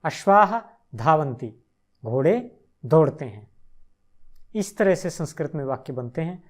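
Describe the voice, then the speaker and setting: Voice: mid-range voice, sing-song. A teacher giving a language lesson, patiently reciting verb forms in repeated drills and adding short reassuring explanations. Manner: repeats each form in slow, deliberate drills. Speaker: Sanskrit teacher.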